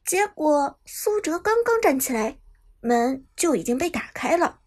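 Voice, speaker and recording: A woman narrating a web novel audiobook with expressive storytelling. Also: high voice, a little slow.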